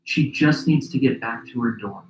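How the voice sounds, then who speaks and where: Measured male documentary narrator. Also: mid-range voice, roomy sound, a little hiss or hum, poor audio. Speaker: podcast host and narrator.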